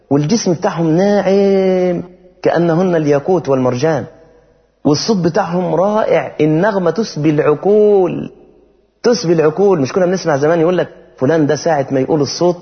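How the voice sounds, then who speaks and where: An Egyptian man giving a sermon in a fairly high voice, lively and colloquial, stretching verses into a slow, singing chant. His voice rings out with a long hall reverb, heard on a dull recording. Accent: Egyptian Arabic. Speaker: preacher.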